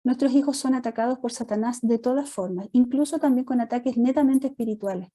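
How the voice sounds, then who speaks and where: Chilean woman pastor, mellow, storytelling. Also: on the high side, a little fast. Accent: Chilean Spanish. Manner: lively storytelling, acts out family dialogues. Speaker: pastor leading a parents' workshop. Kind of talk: conversational church teaching talk.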